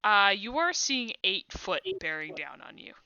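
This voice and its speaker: A woman's voice: medium pitch, sing-song, a little slow, highs cut off, crowd noise. A woman narrating as game master of a tabletop game, describing scenes with many "uh"s. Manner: descriptive, filler-heavy with frequent "uh".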